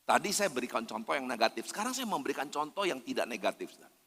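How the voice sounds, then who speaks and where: In a church hall with long reverb, a male pastor preaches a sermon emphatically, again and again addressing his listeners as brothers and sisters. His voice is medium-pitched, sing-song and a bit bright, and he talks fast.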